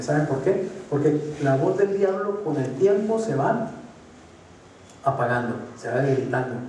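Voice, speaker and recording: A man's voice: medium pitch, mellow, slight background noise. A man with a Colombian accent preaching a conversational sermon, often checking that his listeners follow. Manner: conversational, asks for assent, acts out voices. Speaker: pastor. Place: church hall. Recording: echoey hall, distant mic.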